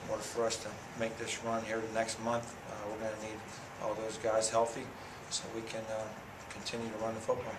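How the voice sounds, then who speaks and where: A man's voice: on the low side, completely flat delivery, a little fast, hardly any pauses. A man in his thirties, a head football coach, answering questions after a game at a press conference, speaking plainly and steadily with many fillers and restarts. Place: press room in front of a sponsor backdrop. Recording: echoey room audio from a far camera, noisy.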